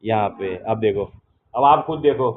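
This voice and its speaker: A man's voice: on the low side, measured pace. A male primary school teacher leading a classroom math lesson with young children, patient and coaxing, often checking that they understand. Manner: patient, coaxing, asks many check questions. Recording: tinny phone-like classroom recording with faint noise.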